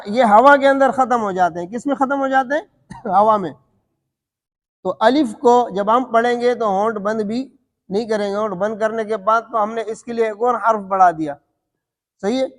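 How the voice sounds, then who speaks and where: A man teaching Quran recitation rules, asking his students questions and answering them himself, and stretching out letter sounds to show them. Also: extremely high pitch. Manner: demonstrates letter sounds slowly. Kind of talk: tajweed lesson. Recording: long hall reverb.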